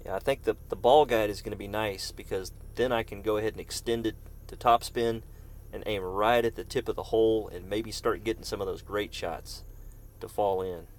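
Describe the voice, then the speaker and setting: A man's voice: lowish voice, steady tone, moderate pace, a little hiss or hum. Guy streaming a game, chatty and laid back, talks to chat by name, keeps coughing. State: coughing fits. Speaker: gaming streamer. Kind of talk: casual live-stream commentary.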